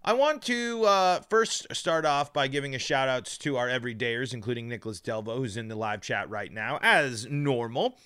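A man's voice: mid-range voice, expressive, normal speed, few pauses, bright, forceful tone, smooth. A man hosting a live sports podcast, his mouth numb from the dentist, talking emphatically with stumbles and repeated words. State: mouth numb from dental work.

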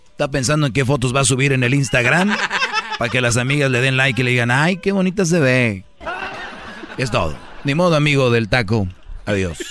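A man's voice: mid-range voice, fairly bright tone. A man from Monterrey hosting a radio call-in show, giving blunt, teasing advice. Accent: northern Mexican. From Monterrey, Mexico. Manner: blunt, teasing, repeats callers' nicknames. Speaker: radio show host taking calls. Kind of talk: casual call-in advice talk.

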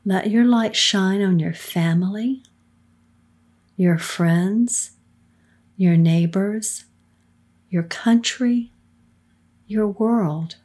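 Middle aged lady doing guided meditation, really slow breathy soothing voice, calm and hushed. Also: mid-range voice. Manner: slow, calm, unhurried, hushed phrase endings. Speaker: guided meditation leader, podcast co-host.

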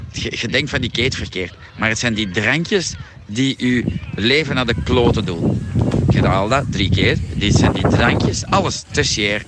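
A man's voice: medium pitch, background noise. A middle-aged Flemish man coaching a viewer on a live stream, pushy and insistent, with lots of repeated fillers. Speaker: coach and shop owner. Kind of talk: live-stream sales pitch answering a viewer.

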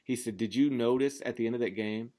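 Talking fast in a mellow, medium-pitched voice, this thirty-something sports podcast host from around Memphis chats casually. He rambles with emphasis and leans heavily on the filler word "like".

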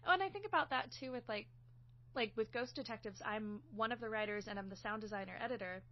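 A woman's voice: fairly high pitch, fast talker, highs cut off. A woman who makes audio dramas, chatting casually about collaboration, laughing often and filling with "like". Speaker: audio drama sound designer and writer. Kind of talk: casual podcast chat.

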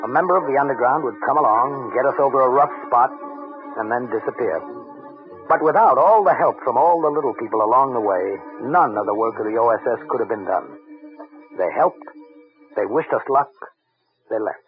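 An actor playing a plain-spoken American wartime secret agent in an old-time radio drama, with hard-boiled delivery. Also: male voice, medium pitch, expressive, fairly quick, lightly acted. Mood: tense, matter-of-fact. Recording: narrow tinny vintage radio, loud music.

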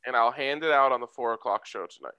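Male sports betting co-host, bright forward voice, casual banter, dry close sound. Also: mid-range voice, quick pace, clear, resonant tone, no room sound.

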